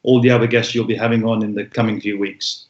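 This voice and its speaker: A man's voice: lowish voice, level tone, fast. Reflective man in an echoey room. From Bangladesh. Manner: reflective, frequent ums and restarts. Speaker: guest. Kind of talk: interview conversation. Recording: echoey room, dull sound.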